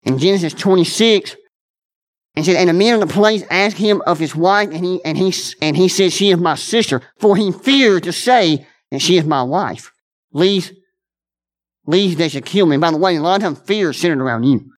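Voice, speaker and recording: An earnest man preaches to his church in a conversational way. He circles back over his words, restarting and repeating phrases. Quick, offhand asides give way to slow, weighty lines. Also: high-pitched. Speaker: pastor. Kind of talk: conversational sermon.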